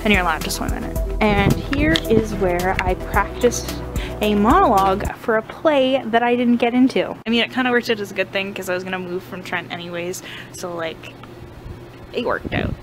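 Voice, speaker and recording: A young woman talks casually to her viewers as she walks around outdoors. Her voice sits at a middling pitch and her way of talking is informal and chatty, like a tour for friends. Clear music plays along behind her. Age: young adult. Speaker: vlogger giving a campus tour. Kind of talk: casual walking vlog chat. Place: outdoors, walking around a university campus.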